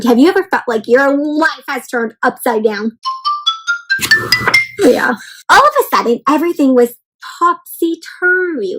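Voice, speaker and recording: Poor audio captures a high-pitched woman leading an interactive picture book read-aloud for kids. She speaks expressively and encouragingly straight to her young listeners, calling them friends and asking lots of questions with exaggerated, animated delivery.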